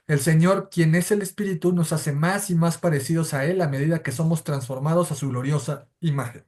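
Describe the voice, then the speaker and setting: A man's voice: on the high side, fairly even intonation, a little fast, darkish tone. A man with a Mexican Spanish accent teaching a church Bible study class, explaining step by step and correcting himself as he goes. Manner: explanatory, methodical, self-correcting.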